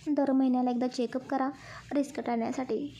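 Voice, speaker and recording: Woman reading as a calm hospital doctor. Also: high voice, a little fast. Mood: reassuring. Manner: calm, professional.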